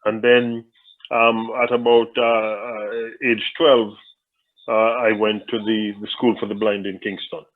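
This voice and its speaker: A man's voice: on the low side, flat delivery, a little slow. A man from Jamaica, answering interview questions thoughtfully and often restarting his sentences. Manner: thoughtful, with frequent restarts and repeated words. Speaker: interview guest. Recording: tinny phone-line audio.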